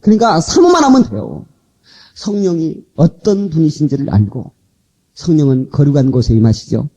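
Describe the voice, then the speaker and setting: Korean pastor preaching a revival, dark warm voice, lively swings, muffled old cassette tape sound. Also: male voice, on the high side, moderate pace. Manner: animated, scolding and coaxing the congregation. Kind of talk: revival sermon. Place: church sanctuary.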